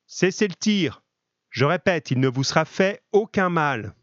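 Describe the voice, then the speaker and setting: A man voicing a male rebel leader who calls out loud commands. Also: on the high side, expressive, measured pace, dry recording, highs cut off, voice pushed up. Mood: commanding.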